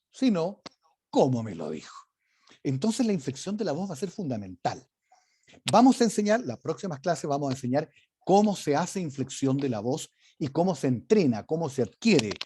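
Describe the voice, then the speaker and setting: A man's voice: a little high, mellow. A man teaching a leadership class online, talking emphatically and varying his intonation. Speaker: leadership course instructor. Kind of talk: online lecture.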